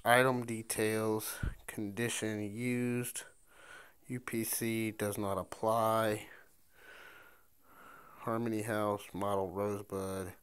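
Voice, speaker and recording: A man's voice: lowish voice, flat delivery, slow, fairly bright tone, clear, resonant tone. A man reselling storage-unit finds, talking through an online listing step by step and thinking aloud as he types. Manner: talks to himself while typing, thinking aloud. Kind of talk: screen-recorded listing walkthrough.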